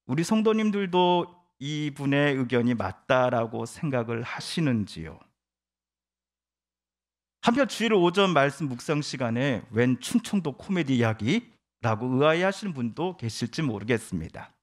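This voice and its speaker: A middle-aged man preaching a Sunday sermon, who reads scripture slowly and then tells stories, putting on voices for the people in them. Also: medium pitch, big pitch swings. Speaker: pastor.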